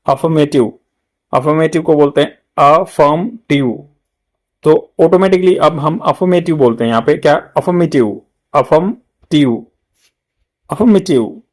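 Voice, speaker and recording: A man with an Indian accent teaching English grammar for exam prep, repeating words slowly to drill pronunciation. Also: on the high side.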